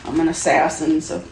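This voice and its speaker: A middle-aged woman chatting casually in a playful, giggly way with frequent exclamations. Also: sits low. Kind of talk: casual chat while unboxing Halloween items. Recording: roomy echo with clear background noise.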